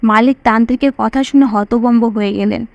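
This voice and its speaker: A woman narrating a suspense story in steady, scripted first-person storytelling. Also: on the high side, a little fast, creaky, no echo, muffled recording.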